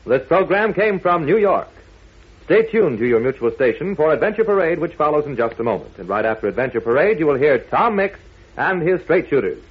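A man's voice: a little high, sing-song, fairly quick, narrow, tinny audio, slight background noise. A man working as a 1940s radio announcer, speaking to young listeners in a folksy, emphatic way.

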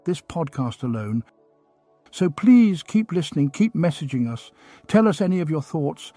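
A man narrating a podcast outro in a theatrical, gently mocking, soothing scripted style. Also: on the high side, very animated, normal speed, no room sound, soft background music.

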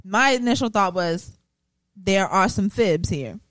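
A woman co-hosting a podcast, telling stories in an animated, chatty way with laughs and casual swearing. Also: medium pitch, unhurried, no echo. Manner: animated, chatty storyteller with frequent laughs and profanity. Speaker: podcast co-host. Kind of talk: casual chat.

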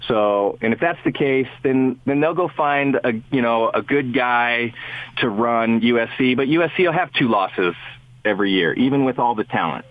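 A man on a thin, phone-like line talks football in a loose, rambling way. He often restarts his sentences and chuckles between thoughts, and his voice sits at an ordinary middle pitch with a dry sound. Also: normal speed, dry recording. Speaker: sports radio guest. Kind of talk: casual sports talk on the radio. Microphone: phone call.

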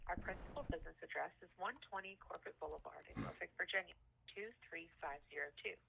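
A woman's voice: fast, gravelly, bright, forceful tone, a little hiss or hum. A woman reading scripted phone menu announcements as the automated voice of a business line. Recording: dull low-fidelity telephone line.

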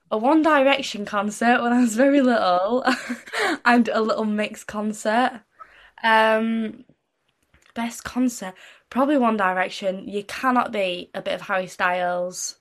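Answering questions slowly in a fairly high, somewhat bright voice, the sixteen-year-old British singer rambles, giggles and leans on plenty of fillers.

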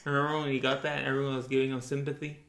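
A man's voice: medium pitch, level tone, racing, vocal fry, fairly bright tone, a little hiss or hum. A man hosting a casual, sweary podcast, his mouth numb from the dentist after a root canal. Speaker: podcast host. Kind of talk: casual podcast chat, profane. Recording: roomy, echoing room sound.

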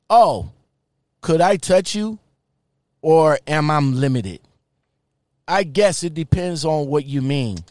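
A man reading aloud and commenting casually, with an informal, slangy and halting delivery. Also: on the high side, no room sound. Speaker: online commentator.

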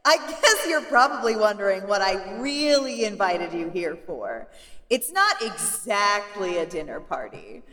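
A woman voicing a theatrical villain host, delivering a slow, mock-casual monologue of gleeful menace in a tabletop game. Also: mid-range voice, expressive, fairly bright tone, roomy sound, big-room sound, far from the mic. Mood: mock-friendly menace.

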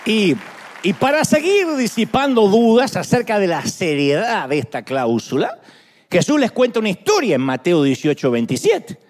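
A man preaching to his congregation. His voice sits high and swoops up and down all the time. He tells the story with jokes and an animated, playful delivery. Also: normal speed, some chatter behind. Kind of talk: sermon.

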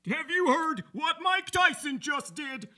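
A man putting on a crude, glitchy spam robot with a very high, piercing voice that drags out its slow, clipped phrases. It barks pushy junk-ad lines at a studio mic for an improvised comedy podcast. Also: sing-song, bright, forceful tone, heavily acted. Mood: robotic pushy.

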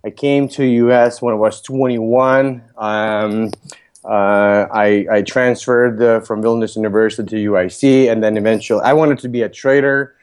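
A Lithuanian man in his thirties, a real estate broker appearing as a podcast guest, answers interview questions in a matter-of-fact, businesslike way with a Lithuanian accent. His voice sits on the low side, slightly mellow and clean, with fairly even intonation at a normal speed.

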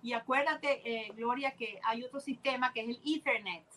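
A woman's voice: on the high side, normal speed, fairly bright tone, a little hiss or hum, low-quality recording. A woman guest explaining her ideas earnestly and with enthusiasm in casual conversation.

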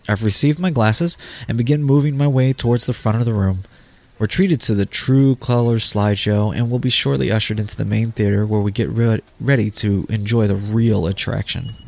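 Low-voiced male podcast host, slightly creaky. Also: darkish tone. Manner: addresses the listener directly as a guide. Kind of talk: scripted podcast narration.

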